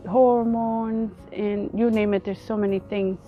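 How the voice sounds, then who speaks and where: A woman from Ethiopia, vlogging outdoors in an earnest, halting way and often repeating her words. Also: medium pitch, steady tone, narrow, tinny audio, soft background music. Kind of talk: casual personal vlog talk.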